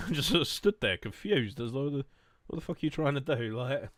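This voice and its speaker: Speaking fairly quickly and expressively at medium pitch, this southern English man in his late twenties keeps up sarcastic, sweary banter while livestreaming a game. It's casual, rambling gaming chat, with slight hiss or hum in the background.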